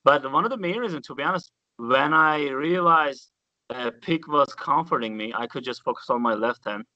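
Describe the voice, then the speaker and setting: At a normal speed, a Turkish-accented guest bassist from Turkey chats casually in an interview about bass playing, an enthusiastic storyteller who swears casually and uses loose grammar. His voice is bright and forceful, captured close and dry with no room sound and a slightly dull, muffled tone.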